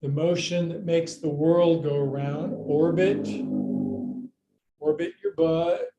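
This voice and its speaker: A man's voice: fairly high pitch, takes it slowly, dark tone, muffled recording, soft background music. A man teaching a live yoga class, cueing moves with playful jokes and counts. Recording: echoey room.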